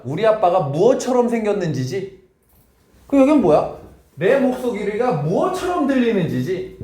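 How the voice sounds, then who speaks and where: A man teaching an English grammar lesson in a classroom, quizzing his students in a brisk way and switching between Korean and English. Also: sits high, a little mellow, roomy sound.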